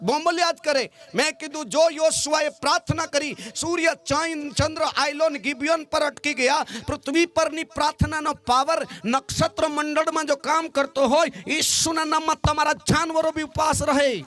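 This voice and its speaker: A man's voice: extremely high pitch, moderate pace, hardly any pauses. A man preaching a sermon as pastor with a Gujarati accent, calling out to the congregation and slipping into a sung delivery. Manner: animated call-and-response preaching, sometimes sung.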